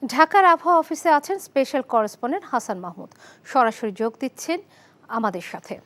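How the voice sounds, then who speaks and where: A woman's voice: high voice, sing-song, brisk. A woman with a Bangladeshi accent anchoring live news and putting questions to reporters.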